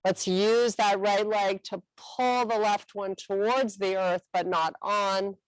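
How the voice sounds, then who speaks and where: A woman instructor guiding a stretching class with calm, encouraging cues. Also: medium pitch, dry recording, poor audio. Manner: calm, encouraging cueing with a slow, unhurried delivery.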